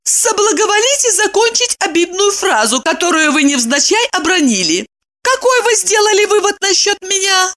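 A woman narrator voicing a shrill, hot-tempered married woman in dramatic, shrieking outbursts. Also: normal speed, sharp tone. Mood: hysterical.

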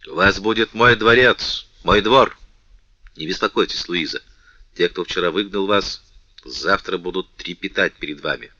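A man's voice: low-pitched, moderate pace, no room sound, muffled recording. A man voicing an impassioned young king. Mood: soothing. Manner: impassioned, loud outbursts. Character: young king, passionate, imperious, vengeful. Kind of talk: audiobook character reading.

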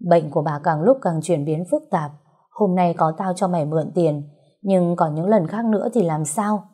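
A woman voicing a blunt but caring young best friend who speaks briskly, in a storybook reading. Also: fairly low pitch, dark tone, slightly rough.

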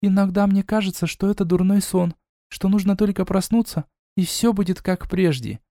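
A man's voice: high-pitched, moderate pace, dark tone, no echo, studio quality, voice pushed up. A man voicing an earnest, anxious young woman, the hero's elder sister, with an emotional, pleading way of speaking. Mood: sad, pleading.

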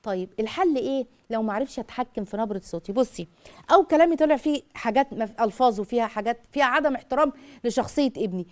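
A middle-aged Egyptian woman hosts a live call-in advice show on parenting. Her voice sits high for a woman and her words tumble out at great speed. She keeps it lively by acting out what mothers say. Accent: Egyptian Arabic. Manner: rapid, animated, acts out mothers' words.

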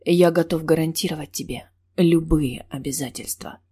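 A woman voicing an intense, brooding young man who speaks in a husky, coaxing low whisper. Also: fairly even intonation, moderate pace.

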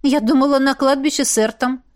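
Lady doing a worn out young woman from a storybook, tense and pleading, higher than her narration. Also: steady tone, fairly quick, close to an everyday voice. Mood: exasperated. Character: weary, exasperated young woman.

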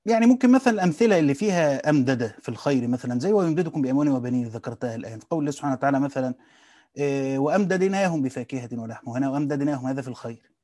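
A man with an Egyptian accent teaching a relaxed study lesson, asking himself questions and answering them, mixing colloquial and classical speech. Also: mid-range voice, very fast, no echo, clean studio sound. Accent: Egyptian Arabic. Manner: mixes dialect with classical Arabic, rephrasing as he goes. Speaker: teacher reading and explaining a classical Quran commentary.

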